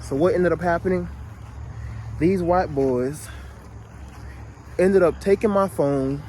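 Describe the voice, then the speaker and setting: A man's voice: on the high side, takes it slowly, mellow, slight background noise. A man with a groggy morning voice telling a long story in a casual, rambling vlog, full of restarts and asides. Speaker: vlogger.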